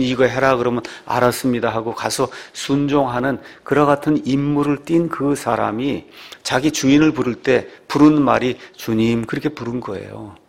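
A man's voice: mid-range voice, gravelly, a little mellow. A middle-aged man preaching a sermon, explaining patiently and rising to emphatic exclamations. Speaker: pastor.

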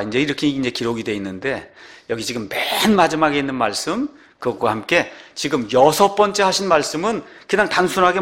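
A man preaching a sermon, reading scripture aloud and asking his congregation rhetorical questions. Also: fairly bright tone. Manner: reads scripture slowly, rises and drops sharply in pitch. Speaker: pastor.

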